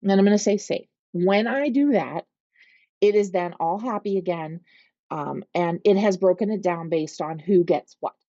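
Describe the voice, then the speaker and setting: A woman with a Pittsburgh accent teaching real estate agents, talking them step by step through commission software and checking in with "okay?" as she goes. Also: fairly low pitch, moderate pace, no room sound. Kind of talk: screen-share software walkthrough. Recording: slightly dull, lo-fi audio.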